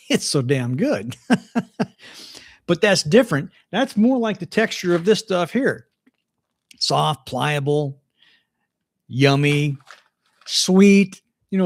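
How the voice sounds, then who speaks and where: A man's voice: a little high, dry recording, studio quality. An older man hosting a casual livestream chat from home, folksy and chatty, often restarting his sentences. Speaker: host.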